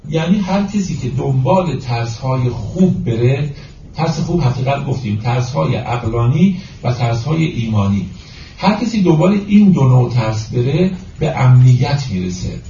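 A man with a mellow, dark voice gives a lecture on classical poetry, chanting verses slowly and then explaining them. He sounds distant from the mic in a roomy space, and the recording is dull and muffled with faint background noise. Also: mid-range voice, lively intonation. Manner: addresses listeners as friends.

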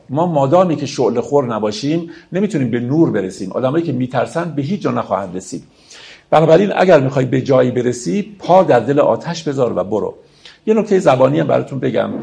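A man lecturing on classical poetry in a gravelly voice. He explains each verse step by step and speaks to his listeners as friends. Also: medium pitch, darkish tone.

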